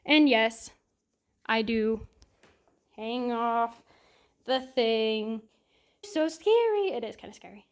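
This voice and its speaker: A woman's voice: a little high, flat delivery, slow, pauses often, clear, resonant tone. A young woman casually vlogging a tour of a family home, chatty and rambling with apologetic asides. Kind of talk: casual house tour vlog.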